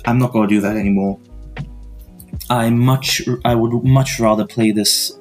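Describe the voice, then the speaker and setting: A young man hosting a podcast in a casual, rambling monologue from his dorm room, speaking in a quiet, just-woken-up voice with many stuttered restarts and casual swearing. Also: medium pitch, steady tone, normal speed, soft background music. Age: young adult. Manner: quiet morning voice. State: just woke up. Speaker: podcast host.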